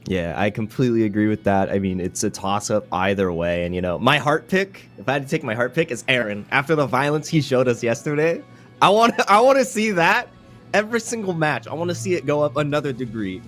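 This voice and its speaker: A man commentating a fighting game tournament, jokey and quick to laugh. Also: medium pitch, soft background music. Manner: laughs often, jokey and excitable. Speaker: esports commentator.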